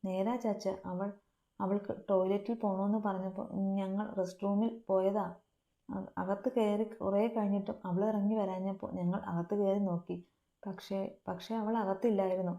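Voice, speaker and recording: A woman's voice: medium pitch, little pitch movement, warm tone, lo-fi sound, natural voice. A woman voicing a frightened tearful college girl. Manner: shaky, halting. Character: frightened tearful young female student. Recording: roomy echo.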